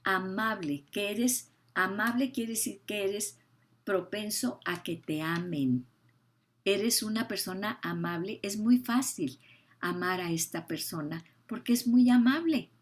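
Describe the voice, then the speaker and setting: Older woman, slow emphatic Bible teaching. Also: mid-range voice. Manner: emphatic, repeats key phrases, asks listeners questions.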